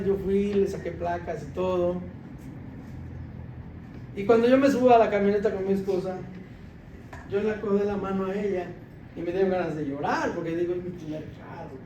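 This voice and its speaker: Man, deacon, lively sermon storytelling, high voice, distant echoey church hall. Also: a little hiss or hum. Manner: animated storytelling with laughter, drops voice low for quoted lines. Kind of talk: sermon testimony. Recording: echoey room from far off with faint ambience.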